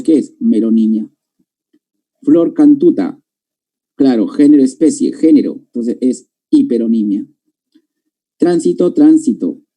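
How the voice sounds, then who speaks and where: Male teacher, middle-aged, dark and husky, patient classroom explainer. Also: medium pitch, rough recording. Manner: explains step by step, checks understanding with questions. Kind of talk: classroom grammar lesson.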